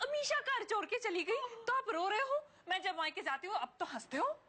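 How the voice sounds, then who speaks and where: A woman with acting in a TV sitcom as a brisk, chiding neighbor wife, with music behind. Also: extremely high pitch, big pitch swings, bright, forceful tone.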